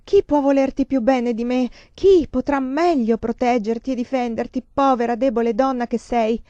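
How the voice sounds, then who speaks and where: A desperate, possessive suitor, voiced by a woman reading aloud, who pleads and commands in an impassioned storybook voice. The voice sits fairly high. The recording is dry and a little dull, with no room sound. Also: moderate pace, mellow, dry recording, close to an everyday voice. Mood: pleading.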